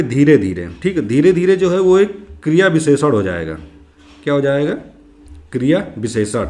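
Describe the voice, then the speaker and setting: Male exam-prep teacher, slightly hoarse, asks each question aloud and answers it himself. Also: medium pitch. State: slightly hoarse, clearing throat. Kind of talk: exam prep grammar lesson.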